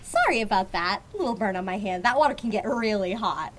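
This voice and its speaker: A woman's voice: medium pitch, expressive, a little fast, fairly bright tone, a little hiss or hum, natural voice. A woman playing a young barista in an audio drama, putting on a cheery, over-polite customer service voice. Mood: falsely cheerful.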